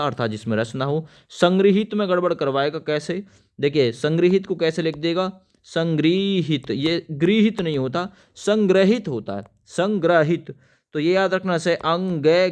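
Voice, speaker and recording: A man with a smooth, clear voice pitched a little high gives a spelling lesson for exams. He spells each word out piece by piece as he writes it and keeps stressing which ones matter. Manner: spells words out letter by letter while writing; addresses viewers as friends, stresses importance. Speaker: teacher. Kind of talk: exam-prep spelling lesson.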